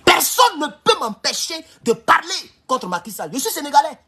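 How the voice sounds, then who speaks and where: A man hosting a livestream delivers a fiery, rallying address to his viewers, repeating his calls again and again. His voice is very high and sing-song, sharp in tone, at a moderate pace.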